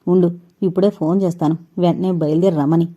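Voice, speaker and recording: A woman's voice: fairly low pitch, fairly even intonation, fast, dark tone, breathy edge, lo-fi sound. A woman voicing a worried mother who scolds her grown son, in an audio novel. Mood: fretful. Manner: scolding, fretful.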